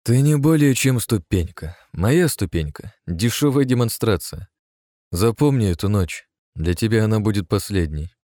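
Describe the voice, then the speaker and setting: Male narrator doing a gleeful, bloodthirsty mage in an audiobook: mocking, raised and loud. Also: low-pitched, flat delivery, fairly quick, dry recording, natural voice. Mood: menacing. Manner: mocking, then wild manic shouting. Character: arrogant, bloodthirsty male mage, mad glee.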